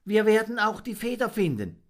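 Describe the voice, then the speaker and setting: A brave little male monkey from a storybook, voiced by a man. The voice sits far above a grown man's, young and eager, with a lively, bouncing lilt. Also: moderate pace. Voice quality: high, bright childlike voice. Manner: taunting, then earnest and pleading. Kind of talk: storybook reading.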